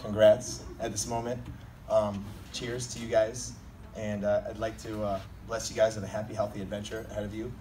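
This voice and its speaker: A man's voice: lowish voice, little pitch movement, normal speed, dark tone. A man delivering a comedic best man's wedding speech in a joking, teasing, informal manner. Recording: distant mic, noisy room recording.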